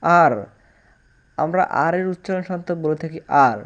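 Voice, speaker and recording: Man, teacher, fairly high voice, patient and repetitive, close mic. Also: muffled recording. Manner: repeats each point slowly and firmly. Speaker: English teacher. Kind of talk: explanatory language lesson.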